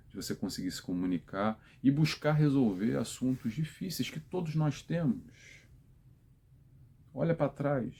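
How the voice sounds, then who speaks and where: A man's voice: lowish voice, warm tone, husky. A man hosting an informal spiritual talk, giving advice straight to viewers in a conversational way.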